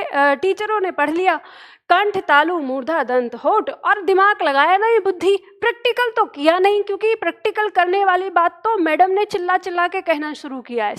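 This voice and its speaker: A woman's voice: extremely high pitch, a bit bright. A woman teacher giving an online grammar lesson, explaining step by step and saying the sounds aloud for students to copy.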